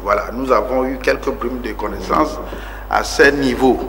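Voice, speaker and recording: A man's voice: mid-range voice, normal speed, fairly bright tone, slight background noise. A man in his forties from Togo, a politician being interviewed on TV about his life, speaking earnestly with many fillers and rising emphasis. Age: 40s. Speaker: guest politician.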